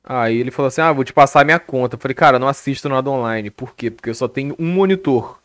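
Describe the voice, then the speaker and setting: A man's voice: mid-range voice, fast, fairly bright tone, no room sound, studio quality. A young Brazilian man on a live stream telling a story in a casual rant, swearing constantly and talking animatedly into a headset. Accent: Brazilian Portuguese.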